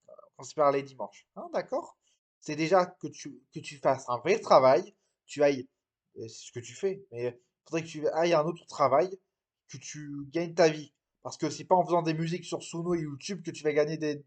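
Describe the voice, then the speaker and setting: A man performing an improvised amateur role-play dialogue, scolding in a halting way and often repeating his words. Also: a little high. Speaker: hobby drama performer.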